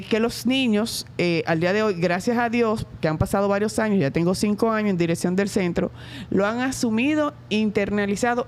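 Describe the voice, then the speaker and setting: A middle-aged Dominican school director gives thoughtful interview answers in her Dominican Spanish accent, full of pauses and hesitations. Her voice sits on the high side, and a little hiss or hum is audible.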